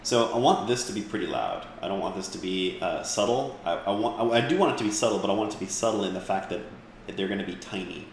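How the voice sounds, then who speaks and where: Echoey low-voiced man teaching software. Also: fast, creaky, a little hiss or hum. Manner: relaxed, rambling, with fillers and restarts. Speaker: instructor. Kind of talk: live class software tutorial.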